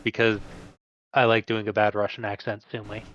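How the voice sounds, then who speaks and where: A man's voice: lowish voice, level tone, moderate pace, a bit bright. A man acting as game master, explaining a homebrew tabletop setting in a casual, hesitant way with profane asides. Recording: dull lo-fi mic, dry.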